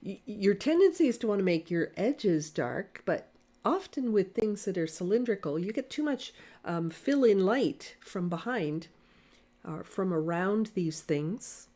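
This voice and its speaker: A woman teaching watercolor painting in a live lesson, speaking quietly and thinking aloud as she paints, on a desk mic. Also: medium pitch, lively intonation, measured pace. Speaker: watercolor art instructor. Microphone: desk mic near camera.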